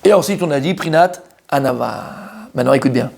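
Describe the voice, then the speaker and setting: A man, a rabbi, giving a Torah lesson to a live group. He talks in an animated, emphatic way, questions his listeners and repeats key words to drive them home. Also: mid-range voice, fairly quick, creaky. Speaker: rabbi teaching a Torah class.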